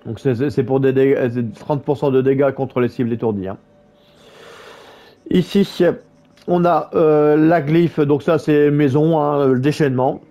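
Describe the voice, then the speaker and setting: Halting French gamer with a dull, lo-fi mic. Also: male voice, fairly high pitch, warm tone. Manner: halting, many fillers and restarts. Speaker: gaming YouTuber. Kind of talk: casual gameplay guide voice-over.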